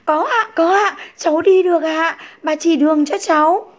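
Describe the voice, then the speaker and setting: A woman's voice: very high-pitched, normal speed, voice pushed up. A woman voicing a small boy who cries and calls for his grandmother in a children's story. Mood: eager. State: crying.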